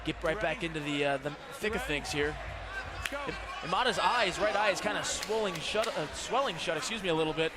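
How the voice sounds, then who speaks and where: A man giving excitable, conversational color commentary on a live fight, speaking from ringside. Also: fairly high pitch, a little fast. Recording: loud crowd and arena noise.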